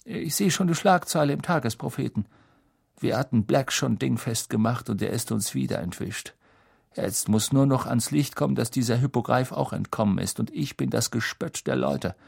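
A man's voice: mid-range voice, animated, moderate pace, gravelly, a little mellow, slightly rough, no room sound, studio quality, heavily acted. A man reading an audiobook, voicing a flustered, fretful middle-aged male official.

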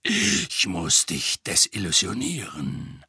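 A man voicing a gruff, grizzled old male wizard soldier in an audiobook, barking curt orders slowly. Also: low voice, wildly swooping pitch, sharp tone, no room sound, studio quality, voice pushed down, full character voice. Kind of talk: audiobook character voice.

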